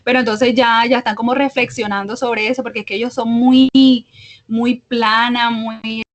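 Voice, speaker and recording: A woman's voice: fairly high pitch, level tone, normal speed. A student teacher talks earnestly with restarts during a video call with her advisor, her voice cut up by a buffering stutter from a breaking connection. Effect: choppy, buffering stutter from a breaking video call connection.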